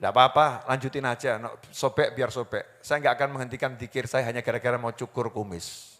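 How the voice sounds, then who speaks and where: A man voicing a calm, devout elderly scholar, speaking low and steadily in a sermon anecdote. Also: fairly quick, lightly acted.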